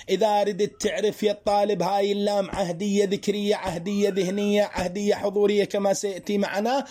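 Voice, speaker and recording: A man teaching a grammar lesson. He explains slowly through worked examples and asks his students rhetorical questions. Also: high voice, a little mellow. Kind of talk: spoken Arabic grammar lesson.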